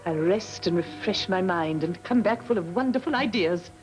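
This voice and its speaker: An actress playing a tired older couture house owner, speaking with weary, wistful regal dignity in a 1950s film. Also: female voice, fairly low pitch, lively intonation, moderate pace, lightly acted, rough recording. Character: tired aging couturière, proud and lonely. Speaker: aging fashion house owner. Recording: old film soundtrack with music.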